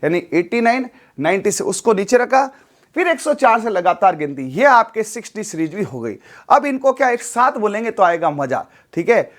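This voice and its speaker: A man teaching chemistry in a lively classroom lecture, telling a memory story and drilling numbers aloud with coaxing repetition. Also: sits high, normal speed.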